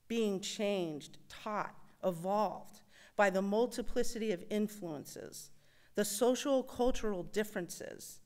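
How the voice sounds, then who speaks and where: Smooth-voiced woman giving a church reflection. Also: mid-range voice. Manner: thoughtful, measured, with wry humor. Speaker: worship associate. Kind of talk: personal reflection in a church service. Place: church sanctuary.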